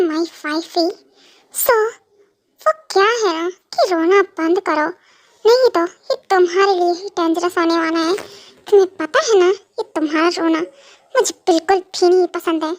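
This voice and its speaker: A woman's voice: extremely high pitch, unhurried. Woman doing a menacing mafia husband. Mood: mocking threat. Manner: threatening, mocking, cold commands. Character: possessive, menacing young male mafia husband. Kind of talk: amateur fan dub.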